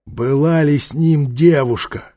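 A man's voice: a little high, a little slow, dark tone, voice pushed up, close to an everyday voice. A male narrator voicing a cruel, domineering pharaoh warlord who barks orders and threats. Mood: barking orders. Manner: barking, commanding.

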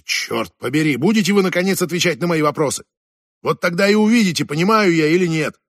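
A man doing a gruff, brusque police inspector. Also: on the high side, animated, quick pace, a bit bright, dry recording, clean studio sound. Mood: exasperated. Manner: brusque, impatient, calls the other fool. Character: gruff middle-aged male police inspector.

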